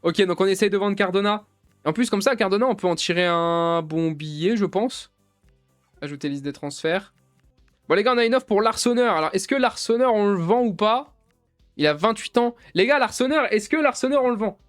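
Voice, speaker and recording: A young man streaming a football manager game, talking excitably in slang and constantly addressing his chat. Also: sits high, a little fast, soft background music. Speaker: gaming streamer. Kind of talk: live gameplay commentary.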